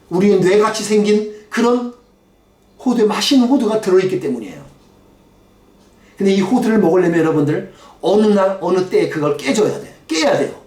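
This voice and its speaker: A man's voice: high voice, a little mellow. A man preaching a sermon as pastor, pleading and emotional, addressing his congregation directly. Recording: echoey church hall, mic off at a distance.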